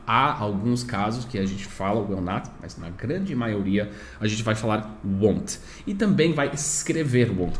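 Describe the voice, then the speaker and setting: A man whose first language is English teaches grammar to learners in Portuguese, explaining patiently and modeling pronunciation slowly. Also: medium pitch, a little hiss or hum.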